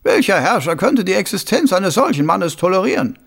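A man voicing a scheming, sly male city ruler who muses slowly and smoothly in an audiobook. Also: sits high, very animated, voice pushed up, heavily acted.

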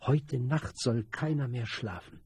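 A man's voice: medium pitch, a little slow, darkish tone, husky, no room sound. A man voicing an angry street boy who leads a gang, speaking urgently and commandingly. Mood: furious.

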